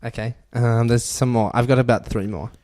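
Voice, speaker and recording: A man's voice: medium pitch, steady tone, moderate pace, darkish tone, dry recording. Young male podcast host, mid-range voice, crude and giggly, reads confessions with laughs breaking through. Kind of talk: casual podcast chat, reading out listener confessions.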